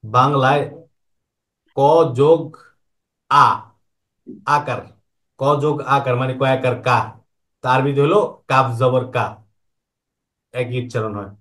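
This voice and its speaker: A man teaches an online Quran lesson. His pitch sits in an ordinary middle range. He poses questions and patiently answers them himself, going over each point slowly more than once. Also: fairly even intonation, pushed and bright. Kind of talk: online lesson explaining Arabic vowel marks.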